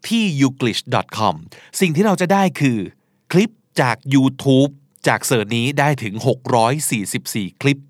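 A man's voice: mid-range voice, no room sound, studio quality. A man with a Thai accent teaching English pronunciation casually, with emphatic word-by-word drills. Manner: lively, animated, emphatic word-by-word demonstration.

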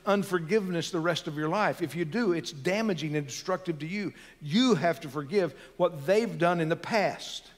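A man's voice: high-pitched, in a large hall. A man preaching a sermon as pastor, earnest and building to emphatic peaks.

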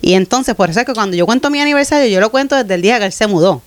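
A woman's voice: mid-range voice, lively intonation, racing, dry recording. A woman, chatting casually as a podcast co-host and telling family stories with emphatic repeats. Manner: warm storytelling, emphatic repeats. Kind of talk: casual chat.

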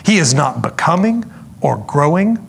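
Earnest preacher man, slightly high voice. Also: big pitch swings, gravelly, a little hiss or hum. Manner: earnest preaching, slows for emphasis, with asides. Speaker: pastor. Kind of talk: sermon.

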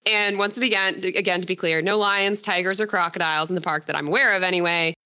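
A woman's voice: lowish voice, fairly even intonation, fast, bright, forceful tone. A woman presenting a story in a casual podcast chat, chatty and laughing often as she corrects herself.

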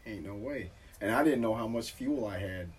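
A man telling a story in casual chat, profane and animated, acting out quotes. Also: lowish voice, normal speed, slightly rough, distant mic.

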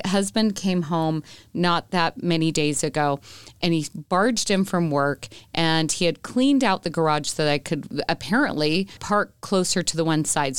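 Smooth-voiced middle-aged woman, earnest. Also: on the low side, no echo, clean studio sound. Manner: earnest, storytelling, acts out quotes. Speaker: author and guest. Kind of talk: podcast interview.

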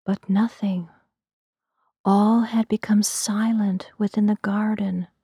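A woman narrating a story in a soft, hushed ASMR whisper. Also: medium pitch, level tone, slow pace, slightly rough, dry recording, clean studio sound.

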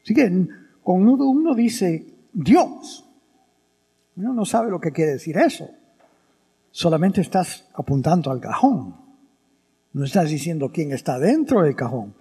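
A male priest preaching a sermon in an animated teaching manner, throwing rhetorical questions at the congregation. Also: a little high, unhurried, pauses often, breathy edge. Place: church. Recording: reverberant church hall.

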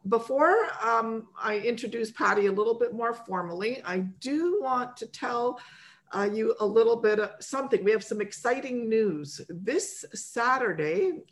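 A woman hosting an online program for mothers, welcoming listeners informally in a chatty, halting way. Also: on the high side, a bit bright. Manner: chatty, often chuckling, halting.

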